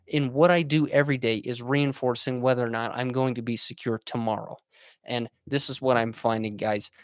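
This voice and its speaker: Earnest and motivational, a young podcast host in his twenties speaks solo to his listeners in a casual monologue, pausing on fillers and restarting sentences often. His voice is smooth and sits at an ordinary middle pitch. The recording is dry and close, with no room sound.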